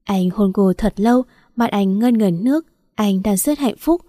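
A woman reads a story aloud in an even, measured way. Her voice is dark and mellow at a middle pitch, and the recording is dry and close with no room sound. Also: no room sound. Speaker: story narrator. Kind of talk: scripted story narration.

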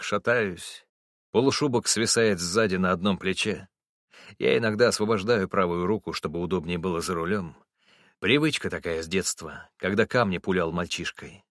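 Man, low voice, measured first-person audiobook narration, dry close recording. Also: fairly bright tone, no echo.

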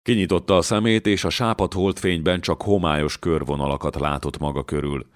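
A man reading a historical novel aloud as an audiobook narrator, measured and steady. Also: low-pitched, no echo, studio quality. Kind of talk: scripted narration.

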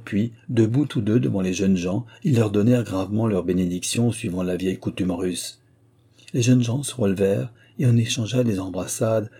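Male audiobook narrator, low and husky, measured delivery. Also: warm tone. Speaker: audiobook reader. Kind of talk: scripted narration.

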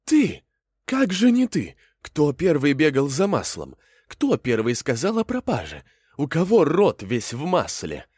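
A man's voice: medium pitch, sing-song, normal speed, hardly any pauses, darkish tone, slightly rough, no echo, voice pushed up. A fussy, self-important old male fox talks in a raised, bossy way, as a man voices him. His delivery swings widely up and down like a storybook judge. The recording is dry and close. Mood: accusing. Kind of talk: storybook reading.

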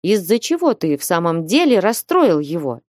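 A merchant man reproaches and reasons, voiced by a woman reader. Her voice is mellow and low-pitched. The read sounds close and dry. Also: big pitch swings, normal speed, no room sound. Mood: reproachful. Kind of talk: audiobook reading.

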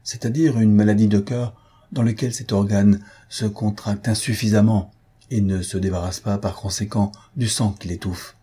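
A man voicing a calm, fatherly older doctor who speaks in a measured, reassuring way. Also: lowish voice, breathy edge. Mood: grave.

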